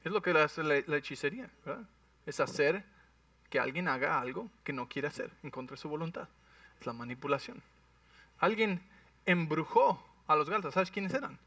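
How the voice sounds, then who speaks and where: A man preaching a sermon as a pastor, animated and often checking in with his listeners. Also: on the high side, moderate pace, no room sound, distant mic.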